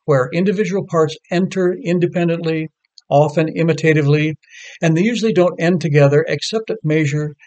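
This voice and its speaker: A man reading a scripted lecture that explains choral music, in a measured, explanatory way. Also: a little high, darkish tone.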